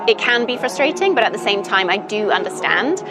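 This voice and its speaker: With big pitch swings in her mid-range voice and a slightly fast pace, a young British woman talks thoughtfully as an interview guest. The chat is casual, filled with "ums" and "you knows," and music plays underneath.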